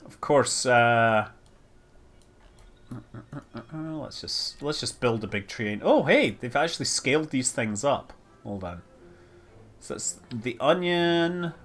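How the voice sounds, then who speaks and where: A streamer talks through his space building game in a casual, rambling way, exclaiming over details and thinking aloud. He sounds very animated yet slow, with long pauses, a medium pitch and a fairly bright tone.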